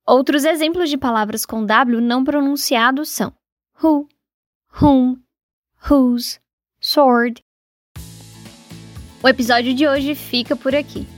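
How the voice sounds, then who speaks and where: A Brazilian woman reading a scripted English pronunciation lesson for a podcast, clear and deliberate as she pairs each word with its translation. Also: high voice. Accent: Brazilian Portuguese.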